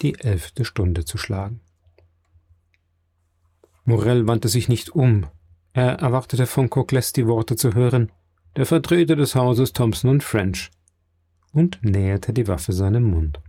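A male audiobook narrator with a dark, mellow voice. He reads in a measured, steady way. The recording is dry, with no room sound. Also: medium pitch, breathy edge, dry recording. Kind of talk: scripted narration.

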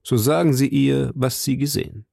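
A man's voice: mid-range voice, fairly even intonation, moderate pace, vocal fry, dark tone, no echo, studio quality. A man voicing an imperious English duke. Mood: commanding. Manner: commanding, imperious. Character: proud agitated English duke, adult man.

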